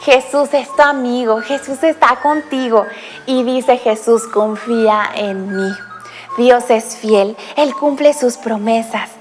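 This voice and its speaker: A woman giving a children's Bible lesson, speaking straight to the child with many questions and lively storytelling. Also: high-pitched, unhurried, big-room sound, faint music behind. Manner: addresses the child directly with frequent questions; animated storytelling.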